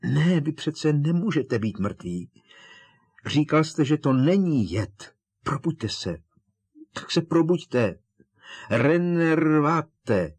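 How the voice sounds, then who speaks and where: Male reader playing a desperate teen boy wizard for an audiobook: raised, husky, urgent pleading. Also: medium pitch, sing-song. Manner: urgent, begging, raised and strained. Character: desperate teenage boy wizard, frantic and coaxing.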